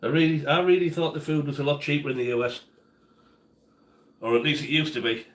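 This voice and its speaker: A man's voice: fairly high pitch, a little fast. Chatty man cooking in an echoey kitchen. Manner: chatty, answers viewers' comments by name. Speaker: cooking livestream host. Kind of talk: casual live-stream chat while cooking. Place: home kitchen. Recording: echoey kitchen room sound.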